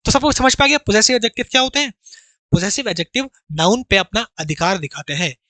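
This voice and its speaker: A man teaches an exam-prep grammar lesson in a bright, sharp voice, recorded close and dry with no room sound. He keeps asking his students rhetorical questions and repeats each point. He talks to them familiarly as brothers and acts out their doubts. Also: sits high, fast, dry recording. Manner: explains through rhetorical questions and repetition.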